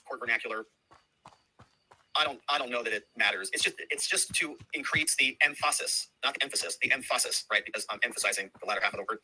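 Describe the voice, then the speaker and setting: Bright-voiced man hosting a livestream. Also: mid-range voice, a little hiss or hum, rough recording. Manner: chatty, thanks viewers by name, many asides. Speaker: livestream host. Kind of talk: casual livestream chat with viewers.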